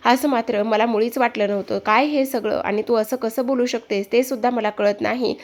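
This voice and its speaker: A woman's voice: on the high side, fairly even intonation, moderate pace, lightly acted. Indignant protective mother, read by a woman. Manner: indignant, reproachful questioning.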